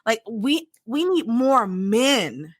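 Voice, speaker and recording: A middle-aged woman, a therapist co-hosting a podcast, chatting casually and telling stories with lively quoted asides. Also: a little high, extremely slow, no echo. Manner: animated, storytelling with quoted asides. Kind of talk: casual chat.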